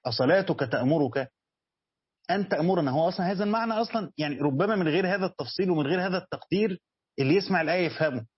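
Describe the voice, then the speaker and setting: A man's voice: high-pitched, expressive, racing, husky, dry recording, dull audio. A man with an Egyptian Arabic accent teaching a Quran commentary lesson. He asks his students questions and then answers them himself. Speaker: religious teacher.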